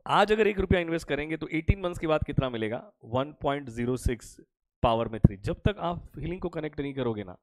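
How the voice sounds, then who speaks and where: Teacher with a cough, speaking slowly and fatherly. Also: fairly high pitch, lively intonation. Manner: asks questions and answers them himself, repeats each point; calls students "beta" in a fatherly way. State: coughing, has trouble speaking. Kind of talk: online lecture.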